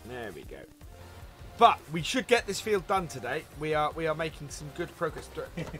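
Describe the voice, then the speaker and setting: Chatty male stream host, fairly high and bright voice, soft music underneath. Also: big pitch swings, moderate pace. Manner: chatty, greets viewers by name between game remarks. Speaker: livestream host. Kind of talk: casual gameplay live commentary.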